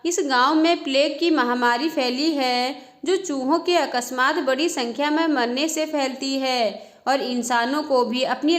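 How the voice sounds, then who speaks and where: A woman's voice: sits high, fairly bright tone. Woman voicing a pleading old village man. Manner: pleading, lamenting. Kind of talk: storybook reading.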